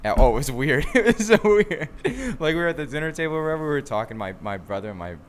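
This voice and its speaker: A man's voice: a little high, animated, fast, a little hiss or hum. A young man co-hosting a podcast in casual chat, rambling with lots of fillers and frequent laughter. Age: young adult. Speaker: podcast co-host.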